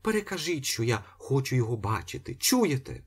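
A man's voice: mid-range voice, very animated, fairly quick, gravelly, slightly rough, pitched above the performer's own voice, full character voice. Anxious pleading woman, voiced by a man. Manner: urgent, pleading.

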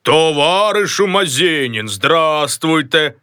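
A vain, self-important middle-aged fellow from a stage comedy, as a man reads him aloud, grandly trying out one greeting voice after another. He speaks slowly, his pitch leaping high and low in a bright, forceful tone over a dry, close sound. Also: lively intonation, clear, resonant tone, no echo, full character voice. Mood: pompous. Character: pompous middle-aged man rehearsing a grand new name.

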